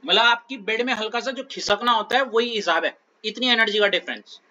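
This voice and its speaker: A man's voice: high-pitched, fairly quick, bright, forceful tone, dull audio. A male chemistry teacher giving a classroom lecture in a coaxing way, often checking that the student follows.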